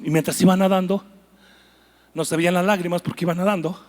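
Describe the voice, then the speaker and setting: A man's voice: high-pitched, fairly even intonation, fast talker. A man preaching a sermon, telling stories with animation and asking the listeners questions.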